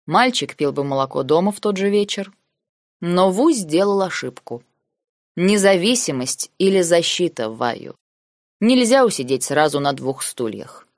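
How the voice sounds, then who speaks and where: A woman reading the lines of a cold, calculating noble uncle in an audiobook, measured and sarcastic. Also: fairly low pitch, expressive, dry recording, studio quality. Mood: cold, lecturing. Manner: measured, lazy, coldly sarcastic.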